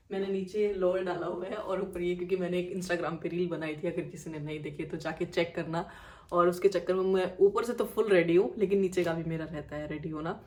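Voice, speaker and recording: Young woman from India, home vlogger, chatty, mellow warm voice, phone camera in a home. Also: on the low side. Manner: chatty, talks to camera while getting ready. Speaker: vlogger and mother. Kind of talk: casual home vlog narration. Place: home, indoors.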